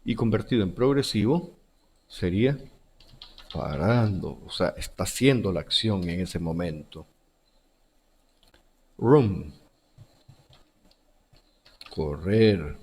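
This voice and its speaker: A man's voice: low-pitched, animated, slow pace, long pauses, a little mellow, slightly rough. A male teacher giving a recorded grammar lesson to schoolchildren, repeating each example word and rule. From Central America.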